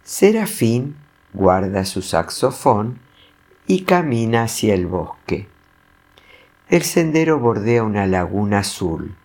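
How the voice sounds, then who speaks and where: Slow expressive male storyteller. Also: fairly low pitch. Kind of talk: children's story reading.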